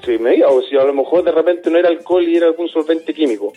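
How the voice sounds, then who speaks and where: A man, a dismissed youth care worker, answering in a radio interview in an earnest, halting way, often repeating words. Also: a little high, phone-quality sound, soft background music.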